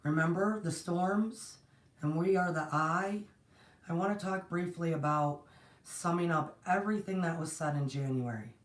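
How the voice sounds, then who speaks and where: With a fairly low pitch and moderate pace, this spiritual platform host chats on a livestream, her voice strained and partly lost. She drifts between rambling thoughts, many restarts, and warm hellos to viewers, picked up by a distant, unset mic in an echoey room.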